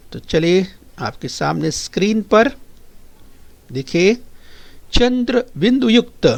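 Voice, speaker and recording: A man teaching a recorded lesson to young children, singing a poem slowly and then coaxing them to repeat words after him. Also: on the high side, vocal fry. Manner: coaxing, addresses the children directly and often. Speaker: primary school teacher.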